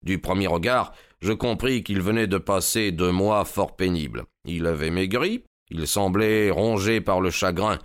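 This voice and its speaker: A man narrating a classic detective story in a measured, deliberate storytelling manner, close on a studio mic. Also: low voice, clear, resonant tone, no room sound. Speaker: audiobook narrator. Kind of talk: scripted literary narration.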